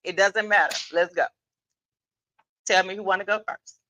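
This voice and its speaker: A woman speaks at a normal speed in a mid-range voice that is steady, bright and forceful, with a little background hiss or hum. Serving as guest moderator and host at a live podcast panel, she keeps the unscripted event lively with casual banter. She comes across as playful yet commanding, repeating phrases for emphasis.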